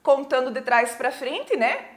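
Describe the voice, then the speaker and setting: A woman's voice: sits high, sing-song. A Brazilian woman teaching a recorded school lesson, explaining patiently, checking in with the class and reading poems aloud. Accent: Brazilian Portuguese. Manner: reads poems aloud slowly.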